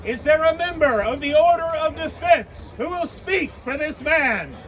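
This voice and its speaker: A man's voice: extremely high pitch, lively intonation, a little slow, a bit bright, a faint crowd, a little hiss or hum. A man giving a solemn, regal knighting recitation in formal ceremonial words, as the officiant.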